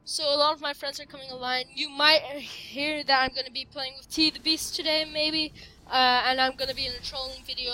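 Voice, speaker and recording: A woman's voice: sits high, pushed and bright, poor audio. A woman casually narrating her own match, giving chatty play-by-play of the game. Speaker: gameplay commentator.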